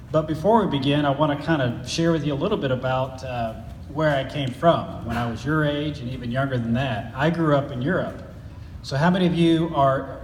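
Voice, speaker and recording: A middle-aged man gives a chatty chapel talk to students, joking and quizzing the crowd. His voice carries through a large, echoey hall with a long reverb tail. A faint hiss sits under it. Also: mid-range voice. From grew up in Italy and Germany. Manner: chatty, jokey, asks the kids questions. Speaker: school head speaking at chapel. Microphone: handheld microphone.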